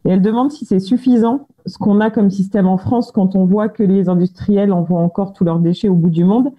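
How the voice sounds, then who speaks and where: A woman's voice: medium pitch, fairly even intonation, brisk, warm tone, husky. A woman moderating a round table without a script, hesitant and rephrasing her questions as she goes. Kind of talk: unscripted panel moderation. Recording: dull band-limited phone-like sound.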